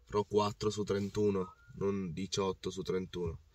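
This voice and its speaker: Sitting in his parked car, a hoarse, worn-out man in his thirties recaps a football match to camera as a fan vlogger, his low voice a little rough. He rambles passionately at a moderate pace and level tone, restarting and repeating points. The phone or camera on the dashboard is a bit away from him, so he sounds slightly distant.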